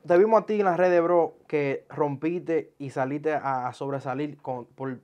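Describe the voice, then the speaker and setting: A young man, hosting a casual interview in a small studio, friendly and animated when he makes a point. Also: a little high, a little slow, highs cut off. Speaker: podcast host. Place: small indoor studio with sofa chairs.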